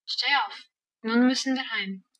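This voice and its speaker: A woman's voice: on the high side, measured pace, fairly bright tone, far from the mic, poor audio. A woman voicing a laconic goatherd boy who answers curtly and offhandedly. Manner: curt, offhand replies.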